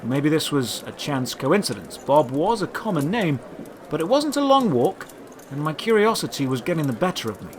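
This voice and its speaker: A man's voice: fairly high pitch, sing-song, normal speed, slight background noise. A man narrating a scripted first-person adventure story, with outdoor ambience behind him. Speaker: narrator and creator of an audio drama.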